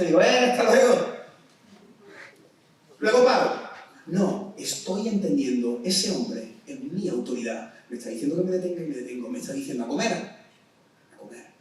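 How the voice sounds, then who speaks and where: A man with a Spanish accent preaching to young people at a summer camp, animated, acting out parents' orders in a raised voice. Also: medium pitch, fast talker, hardly any pauses. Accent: Spain. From Spain. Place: large hall at a summer camp. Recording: echoey hall, voice from far off.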